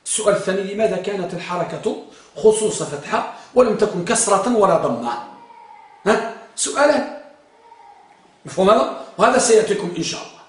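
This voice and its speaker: Echoey, high-voiced male grammar teacher. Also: lively intonation, fast, long pauses, distant mic. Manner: questions the students and chants grammar verses. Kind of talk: classroom lesson. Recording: very echoey room.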